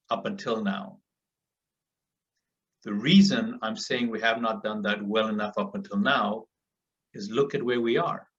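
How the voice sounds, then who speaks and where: A bit bright and medium in pitch, this man's voice carries an earnest motivational talk to listeners on a group call. He is from Africa and keeps repeating himself to drive his points home. The call audio comes through distant and muffled.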